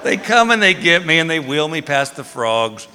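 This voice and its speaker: A man doing stand-up storytelling, acting out the people in his story with sudden high yelps. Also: normal speed. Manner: animated, acts out characters with high yelps. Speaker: stand-up comedian. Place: live stage before an audience. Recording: live hall with crowd laughter.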